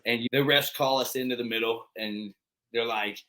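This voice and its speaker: A high school football coach co-hosting a podcast, telling stories in casual, slangy chat and acting out other people's lines. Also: male voice, moderate pace. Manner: animated storyteller who acts out quoted voices.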